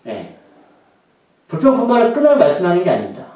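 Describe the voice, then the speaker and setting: High-voiced pastor preaching in echoey hall. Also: male voice, wildly swooping pitch, fairly quick, mellow, far from the mic, lo-fi sound. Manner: conversational, asks the congregation questions. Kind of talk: sermon.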